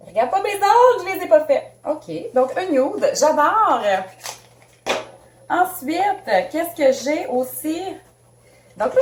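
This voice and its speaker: A woman's voice: high voice, darkish tone, roomy sound, a little hiss or hum. A woman with a Québécois French accent chatting casually and bubbly as she unboxes makeup for a beauty vlog, laughing often. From Canada. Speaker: beauty vlogger.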